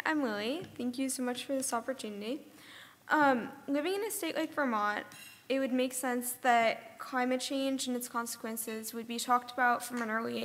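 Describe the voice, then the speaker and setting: A teenage girl and high school student reading a prepared speech at a podium in an earnest, steady way. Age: teens. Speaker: student speaker. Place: large conference ballroom. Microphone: podium microphone. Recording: long hall reverb.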